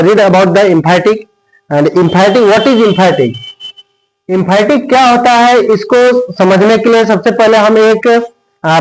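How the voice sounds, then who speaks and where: A man's voice: high-pitched, low-quality recording. A man with an Indian accent teaching English grammar to students. He recites a teaching rhyme line by line and dictates it word by word. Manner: slow, drawn-out dictation of lines, word by word.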